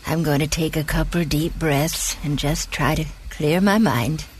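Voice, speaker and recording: A woman playing a kindly, folksy, devout elderly granny in a gentle, unhurried bedtime sleep story. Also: sits low, steady tone, a little hiss or hum. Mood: folksy, welcoming. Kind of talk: scripted sleep story narration in character.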